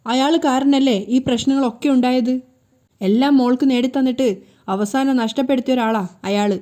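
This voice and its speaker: A woman's voice: sits high, steady tone, moderate pace, warm tone, close to an everyday voice. A woman voicing an angry, protective middle-aged mother who scolds and orders people away. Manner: scolding, commanding.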